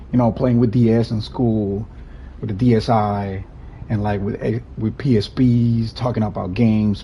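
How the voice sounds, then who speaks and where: A young Puerto Rican streamer, a native Spanish speaker with a Puerto Rican Spanish accent, chats easily through his gameplay commentary. He's easygoing and rambling and often restarts sentences, his fairly low, mellow voice coming through lo-fi audio with slight background noise.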